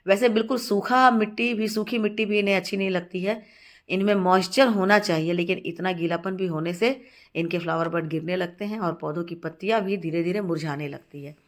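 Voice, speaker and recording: A woman with a slightly low voice gives a casual gardening tutorial. A cold leaves her voice heavy and congested. She talks in a friendly, chatty way, repeats words and often stops on short fillers. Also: steady tone, brisk. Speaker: gardening channel host. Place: home terrace garden, outdoors.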